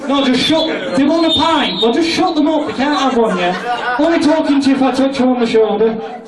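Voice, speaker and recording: Brash British male comedy hypnotist, very high-pitched, commanding sweary patter, echoey crowded venue. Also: animated, brisk, crowd noise. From Britain. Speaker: comedy stage hypnotist and show host. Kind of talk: bawdy live comedy stage patter. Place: live show in a large indoor venue. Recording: echoey crowded room, distant mic, noisy audience.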